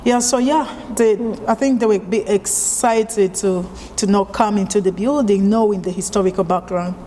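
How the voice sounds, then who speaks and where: A woman's voice: medium pitch, moderate pace, in a large hall, slight background noise. A woman chef originally from Uganda, talking in an easygoing, conversational way with plenty of fillers during an oral history interview. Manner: relaxed, conversational with frequent fillers.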